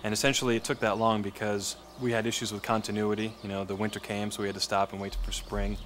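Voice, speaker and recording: A man's voice: lowish voice, flat delivery, quick pace, fairly bright tone, slight background noise. A man speaking as a film director in a behind-the-scenes interview, explaining his work in a reflective way.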